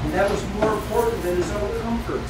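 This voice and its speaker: A man's voice: high-pitched, fast, over loud music. A middle-aged man from the northeastern United States teaching a Bible lesson to children, telling the story and asking them questions as he moves about a church classroom. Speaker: children's Sunday school teacher. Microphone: far camera. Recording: echoey room from far off with noisy background.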